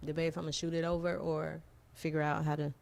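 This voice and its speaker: A woman's voice: deep voice, level tone, creaky, a little mellow, a little hiss or hum. Playful woman co-hosting a TV talk show. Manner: playful, teasing, talks in quick bursts with slangy phrasing. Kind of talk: casual banter on a TV talk show. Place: TV studio with event flyers on the wall.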